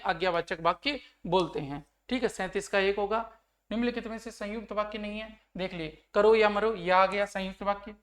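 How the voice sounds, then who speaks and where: A man's voice: high-pitched, a bit bright. A man teaching a grammar lesson, who keeps asking his students questions to check they follow and acts out the example sentences. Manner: explains by acting out example sentences. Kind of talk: online exam-prep lesson.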